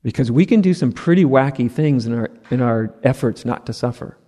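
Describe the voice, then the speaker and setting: A man teaching on a spiritual theme in a relaxed, conversational way. He drops in "right?" asides and light laughs at a mid pitch. His voice carries a long reverb, as in a hall. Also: fairly quick. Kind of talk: spiritual talk.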